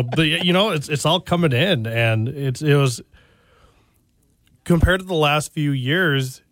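A man's voice: on the high side, a bit bright, no room sound. A man, a retail store guest on a local radio show, talking casually and laughing easily at himself. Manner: chatty, laughs easily, self-deprecating. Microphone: studio mic.

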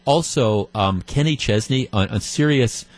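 A male radio talk show host chats with call-in listeners on a studio microphone, his mid-range voice unhurried. He often restarts sentences and chuckles.

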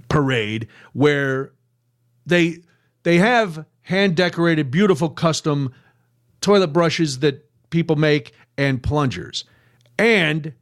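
An older man hosting a radio show, telling self-mocking stories in a casual chat. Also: a little high. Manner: animated, self-mocking storyteller. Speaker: radio host.

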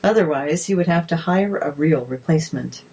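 A woman narrator reading articles aloud in a measured, steady way. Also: sits low, breathy edge, poor audio.

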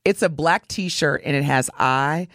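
A middle-aged woman hosting a casual morning show, talking in a playful, teasing, animated way. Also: deep voice, measured pace, dry recording, studio quality. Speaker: host.

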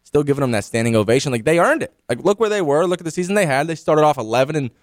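A chatty man co-hosting sports radio, rattling along at a brisk clip. His voice sits a little above average in pitch, and the studio sound is dry. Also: expressive, no echo. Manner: quick, chatty, conversational. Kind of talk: casual sports talk.

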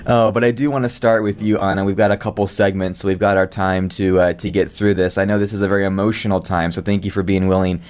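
A man's voice: sits low, level tone, quick pace, few pauses, a little mellow. A man hosting a live radio talk show from a studio, chatting in a friendly, conversational way with the odd filler word. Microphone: studio microphone.

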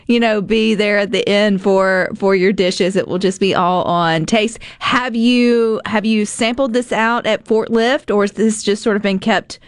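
A woman's voice: medium pitch, fairly even intonation, unhurried, few pauses, smooth, dry recording, studio quality. A woman hosting a casual radio interview in a chatty, encouraging way. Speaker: radio show host.

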